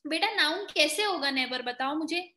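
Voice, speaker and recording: Her voice sits high and sounds sharp and expressive at a normal speed, echoing around the room. This Indian-accented woman leads an online exam-prep grammar class, walking through each step in a blend of Hindi and English and testing her students with questions.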